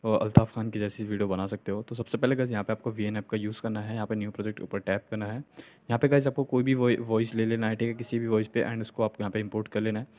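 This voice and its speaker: This young male tutorial host talks fast over a screen recording, explaining video editing casually one step at a time and often slipping in filler phrases and check-ins. His pitch is on the low side with little movement, and the tone is a little mellow.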